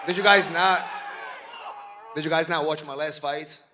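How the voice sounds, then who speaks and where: A man's voice: on the high side, fairly even intonation, normal speed. A man interpreting live at a press conference with punchy, emphatic, boastful delivery. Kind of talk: live interpreting of a fighter's answers. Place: large press conference venue. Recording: noisy hall with crowd.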